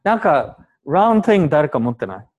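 A man teaching Japanese to a class, explaining with examples and short English glosses in a lively, animated way. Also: a little high, fast talker, highs cut off.

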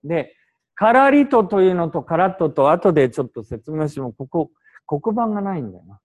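A man teaching Japanese to a class, explaining with examples and short English glosses in a lively, animated way. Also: on the high side, a little fast.

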